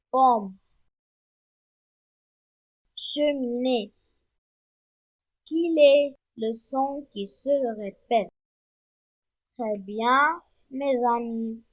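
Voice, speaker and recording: A woman giving a primary-school phonics lesson, with slow, clear, repeated instructions for children. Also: a little high. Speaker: teacher.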